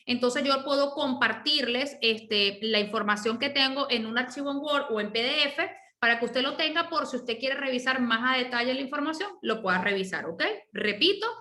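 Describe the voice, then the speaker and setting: Woman, pastor, high voice, patient teaching sermon, echoey room. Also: normal speed, hardly any pauses, sharp tone. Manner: checks in with the listeners with a frequent "ok?"; explains patiently and repeats her key points. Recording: roomy echo.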